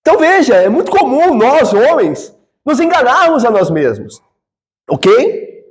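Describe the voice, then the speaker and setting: A man with a Brazilian accent delivers an expository sermon from the pulpit. His voice sits high and swings widely in pitch. He keeps checking in with his listeners through rhetorical questions. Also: sing-song, measured pace. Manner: frequent rhetorical questions to the congregation. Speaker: pastor. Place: church.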